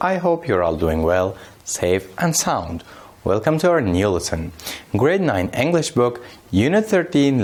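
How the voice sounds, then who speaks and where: Lively man teaching English. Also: medium pitch. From Afghanistan. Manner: slow, drawn-out delivery with Dari explanations. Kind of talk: bilingual classroom lesson.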